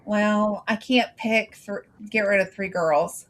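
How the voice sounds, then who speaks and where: A woman hosting a casual live stream, chatty and animated, reacting quickly. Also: medium pitch. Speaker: host.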